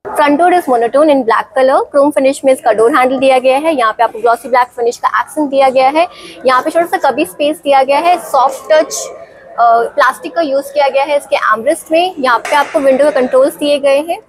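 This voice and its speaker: A woman's voice: high-pitched, brisk, rough recording. A woman with an Indian accent narrating a walk-around car review, mixing English phrases in and explaining each feature in turn. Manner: mixes Hindi with English phrases.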